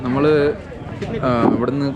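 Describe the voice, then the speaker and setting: A man's voice: medium pitch, little pitch movement, measured pace, dull audio, loud music behind the voice. A young man with a Malayali accent chatting casually to viewers as a travel vlogger, mixing Malayalam with English words and phrases. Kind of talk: casual vlog chat to viewers. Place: outdoors around a hill town and forest. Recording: outdoor street sound with background chatter.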